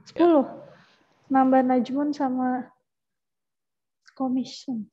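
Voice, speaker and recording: Indonesian female student, high and slow, reading drill answers over muffled audio. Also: level tone, dark tone. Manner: slow and careful.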